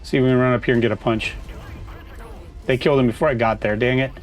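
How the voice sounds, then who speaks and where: A gaming streamer with a mid-range voice and a steady tone talks fast as he casually comments on his own gameplay. He chats to himself while playing, with faint music behind him.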